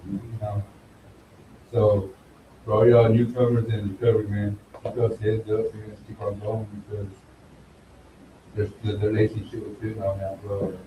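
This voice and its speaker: A man's voice: on the low side, level tone, normal speed, reverberant, recorded from a distance, phone-quality sound, a little hiss or hum. A man giving an earnest testimony to a recovery group, filling his talk with "man" and "bro". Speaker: recovery house resident.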